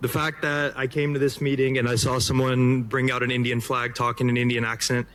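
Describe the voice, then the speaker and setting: A man giving public comment at a city meeting, earnest and emotional, with halting ums. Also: medium pitch, level tone, fairly bright tone, slight background noise.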